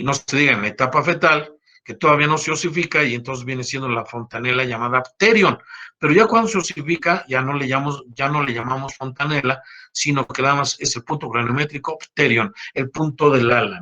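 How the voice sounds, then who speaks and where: An older man teaching an anatomy class, explaining slowly and checking with his students through frequent tag questions. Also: fairly high pitch, pushed and bright. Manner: slows down to spell out key terms. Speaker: anatomy professor. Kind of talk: university lecture.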